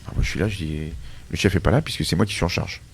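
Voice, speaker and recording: A middle-aged man from France, a chef telling anecdotes in a relaxed interview, with frequent restarts and fillers. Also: low voice, racing, vocal fry, slight background noise. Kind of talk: casual interview storytelling.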